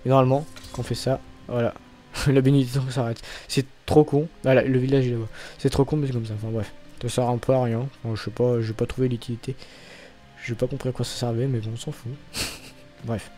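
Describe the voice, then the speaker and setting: A young man talks through his gameplay in a relaxed, rambling way, swearing casually and waving points off with a quick "anyway". His voice is soft and mellow. Faint game music sits behind him. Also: mid-range voice. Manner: rambling, swears often, trails off with "bref". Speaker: gaming channel host. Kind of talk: casual let's-play commentary.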